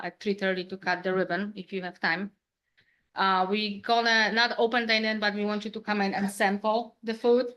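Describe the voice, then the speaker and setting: Woman, Polish accent, restaurant owner, public comment, bright tone, hesitant fillers. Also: mid-range voice. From Poland. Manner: informal non-native English, hesitant fillers. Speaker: restaurant owner presenting to council.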